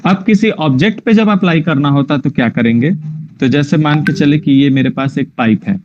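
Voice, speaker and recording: Male art teacher, slightly high voice, patient and explanatory, muffled online-class sound. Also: brisk, darkish tone, slight background noise. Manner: patient, checks often that students follow. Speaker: drawing teacher.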